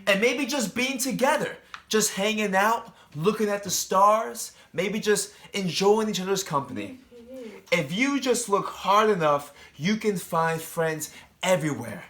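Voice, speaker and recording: In a high, fairly bright voice, a man who teaches reads a picture book aloud to young children. He talks to them directly, with chatty asides and questions.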